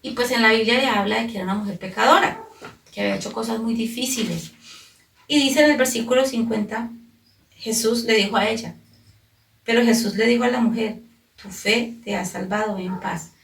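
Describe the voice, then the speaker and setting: A woman's voice: on the high side, a little fast, gravelly, long pauses, slight background noise. Earnest Colombian woman preaching to families. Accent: Colombian Spanish. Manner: earnest, explains scripture step by step for families and children. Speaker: children's program preacher. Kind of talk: Bible teaching sermon. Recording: echoey room, distant mic.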